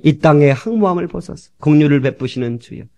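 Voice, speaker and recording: Fervent, animated Korean pastor preaching. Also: male voice, on the high side, fast. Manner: fervent preaching with sudden shouts and acted-out quotes. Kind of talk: sermon. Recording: old cassette tape transfer.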